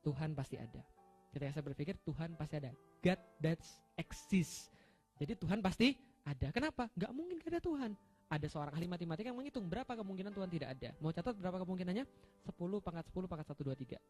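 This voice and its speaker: A man's voice: sits high, expressive, rapid-fire, a little mellow, faint music behind. A young man giving a humorous sermon, quizzing his audience and laughing at his own jokes. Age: young adult. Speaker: preacher.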